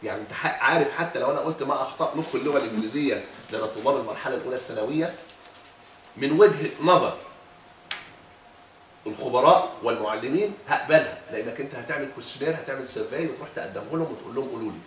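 A man's voice: mid-range voice, racing, few pauses, a bit bright, far from the mic, a little hiss or hum. A middle-aged man with an Egyptian Arabic accent, critiquing a thesis defense in a lecturing way, probing with rhetorical questions. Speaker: thesis examiner. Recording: echoey room, voice from afar.

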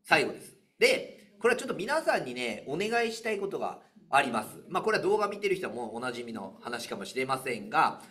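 A man's voice: medium pitch, big pitch swings, fast, hardly any pauses, sharp tone. A man giving a live lecture to an audience, in a playful, joking way and laughing often.

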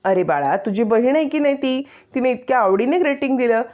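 A woman's voice: a little high, animated, brisk, darkish tone, lo-fi sound, pitched above the performer's own voice, natural voice. A woman voicing a scheming young woman who sweet-talks a boy into making a call. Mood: coaxing. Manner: coaxing, sweet-talking.

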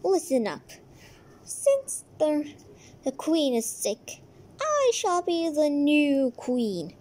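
A woman voicing a power-hungry female royal advisor in a toy doll play, giving commands in slow, drawn-out declarations. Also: sits high, big pitch swings, a little mellow, heavily acted. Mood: scheming.

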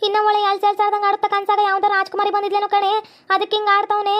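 A woman's voice: very high voice, monotone, very fast, lo-fi sound. Woman playing a fussing old village granny. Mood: soothing. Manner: fond scolding, soothing repetition.

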